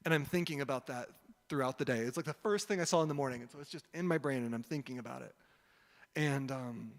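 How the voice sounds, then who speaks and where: A man preaching a sermon in a relaxed, conversational way, telling a story with lots of "like" and "um". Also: mid-range voice, quick pace. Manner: conversational, heavy use of "like" and "um". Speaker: pastor. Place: church hall. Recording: long hall reverb.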